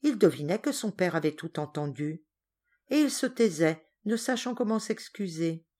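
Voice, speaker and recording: A woman reading a children's novel aloud as audiobook narrator, slow and expressive. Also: on the low side. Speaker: audiobook reader. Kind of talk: storybook narration.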